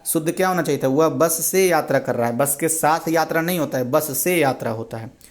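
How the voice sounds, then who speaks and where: A man's voice: fairly high pitch, a little fast. A man teaching Hindi grammar for an exam, reading wrong sentences and explaining the correct forms, often repeating himself and correcting his own slips.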